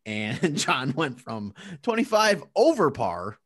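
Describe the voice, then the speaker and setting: A man's voice: medium pitch, very animated, slow pace, a bit bright. A man co-hosting a casual podcast among friends, reading out the standings and laughing often. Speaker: podcast co-host tallying the picks.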